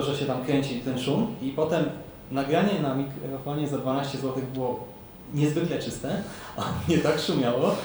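A man's voice: mid-range voice, a little mellow, distant mic. A chatty man podcaster talks casually with other podcasters and explains things through examples. He sits some way from a shared handheld recorder in a very echoey room, and a faint hiss runs under his voice. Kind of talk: casual panel chat.

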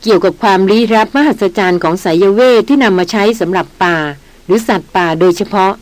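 Calm, slow-spoken veteran male hunter in an audiobook, read by a woman, dry close sound. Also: medium pitch, no echo, natural voice, poor audio. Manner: slow, steady explaining.

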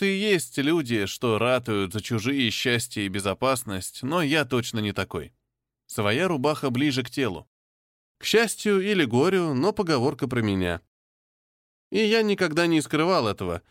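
A man narrating a first-person audiobook in a steady, measured way. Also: medium pitch, no room sound, clean studio sound.

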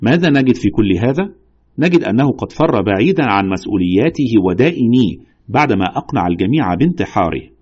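A man playing a husky, shrewd doctor. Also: fairly low pitch, dull audio. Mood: analytical. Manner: measured, reasoning, lively. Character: calm, shrewd male doctor investigating a haunting. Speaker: doctor listening to a patient's story. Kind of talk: audio horror drama.

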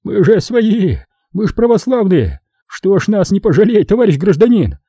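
A man's voice: high voice, very animated, normal speed, warm tone, slightly rough, no echo, studio quality, voice pushed up, heavily acted. A man voicing a grovelling, hysterical middle-aged traitor who babbles pleas for mercy. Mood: begging.

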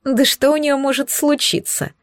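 A woman voicing an arrogant young female countess who talks down to everyone in a shrill, indignant way. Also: very animated, normal speed, no echo, studio quality. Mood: haughty, indignant. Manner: haughty, indignant, squealing.

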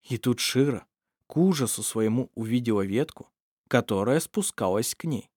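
Steady and measured, a medium-pitched male narrator reads an audiobook script like a storyteller. The studio-quality audio has no room sound at all.

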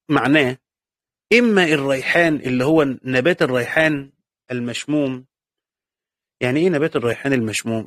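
A man's voice: a little high, a bit bright, dry recording, clean studio sound. A man with an Egyptian Arabic accent teaching a lesson on Quran commentary, patiently asking and answering his own questions and repeating key points. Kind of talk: classroom lecture.

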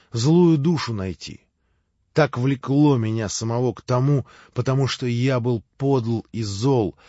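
A male audiobook reader voicing a devout, grieving young man who speaks firmly and quietly, in a dry, slightly dull recording. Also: fairly low pitch, dry recording. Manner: firm, quiet, heartfelt.

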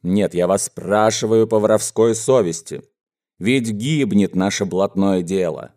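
A man voicing a menacing mustached bandit gang boss, speaking in gruff, slow, threatening speeches in a storybook reading. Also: lowish voice, mellow. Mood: haranguing.

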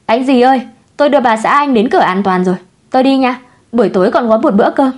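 A woman's voice: medium pitch, a little fast, darkish tone, lightly acted. A woman voicing a carefree, playful young man who teases and mocks himself. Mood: calling out. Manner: breezy, teasing. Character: easygoing playboy man, joking and self-mocking.

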